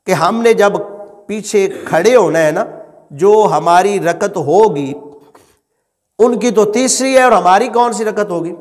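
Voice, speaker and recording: A male religious teacher with a high voice lectures patiently, repeating and explaining his points. He poses questions to his listeners and then answers them himself. A long reverb tail trails his words.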